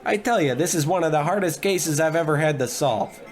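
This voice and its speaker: Brisk and expressive, a man with a fairly high voice close to his everyday speech serves as narrator and lead in a comedic old-time radio noir drama. He plays a stubborn, brash, hard-drinking private detective, cocky yet hapless, given to wisecracks and melodramatic monologues.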